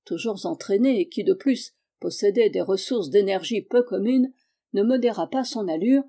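Woman audiobook narrator, measured and even, warm mellow timbre. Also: medium pitch. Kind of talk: scripted narration.

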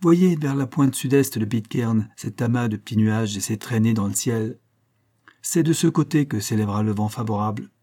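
Guy reading as a gentle wise man, soft, slow and soothing, mellow tone. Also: mid-range voice, close to an everyday voice. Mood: calm. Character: calm wise man, gentle island elder.

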